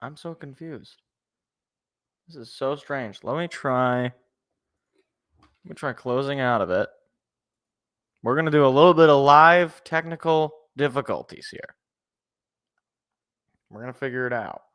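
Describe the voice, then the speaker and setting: An American man hosts a casual solo sports talk show from indoors at home, rambling, joking and repeating phrases for emphasis. His medium-pitched voice is slightly raspy and congested, a bit bright, and unhurried, with frequent pauses.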